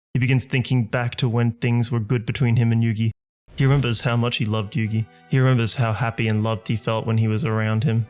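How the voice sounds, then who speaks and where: Male narrator, plain even storytelling over faint music. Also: mid-range voice, clear, resonant tone. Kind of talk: scripted narration of fan fiction.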